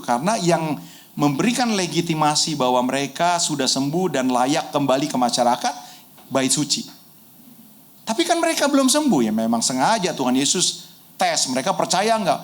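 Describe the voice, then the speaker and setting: A middle-aged male pastor, preaching a sermon as an animated storyteller who drops into colloquial slang and shouts at the peaks. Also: fairly high pitch.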